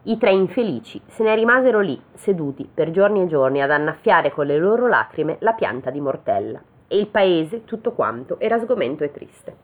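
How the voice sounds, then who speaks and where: A woman's voice: fairly low pitch, animated. A woman reading a fairy tale aloud, breaking off to make joking comments. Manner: reads slowly, then breaks off into joking comments. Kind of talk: casual read-aloud with chatty asides. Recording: tinny phone-like sound.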